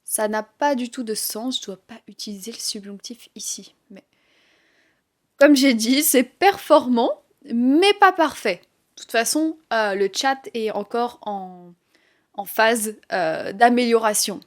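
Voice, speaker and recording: A woman with a French accent giving a relaxed, conversational language lesson, explaining things with light laughs and fillers. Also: on the high side, slow pace. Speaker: French teacher.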